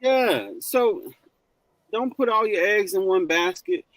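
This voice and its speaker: A man guesting on a livestream, talking in an animated, encouraging way about building yourself up. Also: high voice, takes it slowly, no room sound, rough recording. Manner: lively, animated, preachy encouragement. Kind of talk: casual livestream chat.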